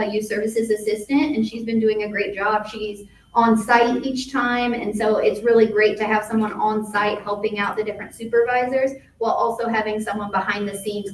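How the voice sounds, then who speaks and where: A woman's voice: medium pitch, slight background noise. A woman giving an upbeat youth services update at a township board meeting, with frequent fillers. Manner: upbeat, filler-heavy report. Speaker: youth services staff presenter. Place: meeting room. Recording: echoey room from far off.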